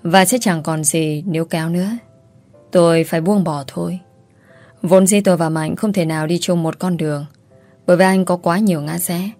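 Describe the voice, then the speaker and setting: Low-voiced woman storyteller. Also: fairly even intonation, darkish tone, soft background music. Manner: sorrowful, measured storytelling. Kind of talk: first-person narrated audio story.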